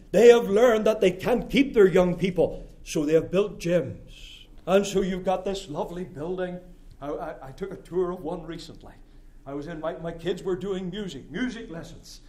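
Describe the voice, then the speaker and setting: A middle-aged man from Scotia, preaching a sermon, emphatic and rhythmic, swinging from loud declarations to quiet asides. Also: sits high, moderate pace. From Nova Scotia, Canada.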